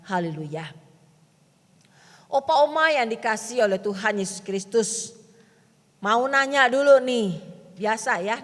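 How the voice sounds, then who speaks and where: Woman pastor, high voice, teasing chatty preaching, church hall with long reverb. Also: fairly bright tone. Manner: playful, asks the listeners questions, informal Jakarta slang. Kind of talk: chatty sermon to elderly congregation.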